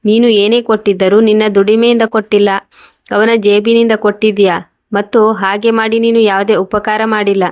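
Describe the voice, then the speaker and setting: A woman's voice: mid-range voice, little pitch movement, fairly quick, no echo, studio quality, natural voice. A woman reading the lines of a cold, scornful young sister-in-law in a storybook tale, curt and accusing.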